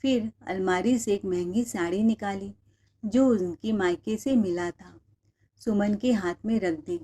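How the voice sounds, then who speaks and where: A woman's voice: medium pitch, a little slow, warm tone. Woman narrating a family tale. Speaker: storyteller. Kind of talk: scripted narration.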